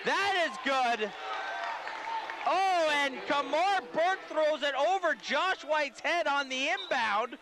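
A man calling basketball play-by-play, rapid and excitable as he follows the action. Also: very high voice, a crowd in the background, background noise. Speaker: play-by-play commentator.

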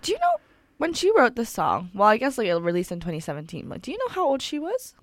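Twenties woman co-host, talkative and filler-heavy, lively voice, dry close sound. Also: fairly high pitch, quick pace, no echo. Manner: chatty, filler-heavy, laughs often. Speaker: radio co-host. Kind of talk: casual radio chat about music. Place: college radio studio.

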